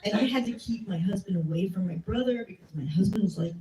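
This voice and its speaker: Talking fast in a medium-pitched, dark voice, this American woman answers audience questions at a relaxed community civics talk with chatty, self-deprecating candor. Distant miking in the echoey meeting room adds faint noise.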